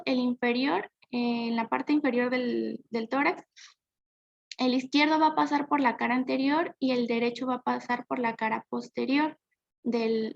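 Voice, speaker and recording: A young woman presents to her class in a high, gravelly voice, pausing on fillers and correcting herself as she goes. The recording is dry and dull, with a lo-fi edge. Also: no echo. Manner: hesitant, frequent fillers and self-corrections. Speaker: student presenter.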